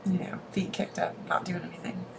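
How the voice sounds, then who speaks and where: A woman's voice: lowish voice, level tone, fairly quick, vocal fry, background noise. A woman bantering and teasing on a casual livestream, laughing often. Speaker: co-host.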